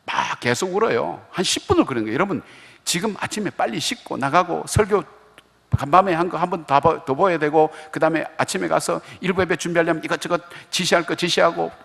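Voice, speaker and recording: Middle-aged pastor guy preaching in a church, gravelly raspy voice, acts out little dialogues, long echo in the hall. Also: a little high, fast talker, fairly bright tone. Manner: storytelling, acting out quoted dialogue. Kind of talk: revival sermon. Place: church sanctuary.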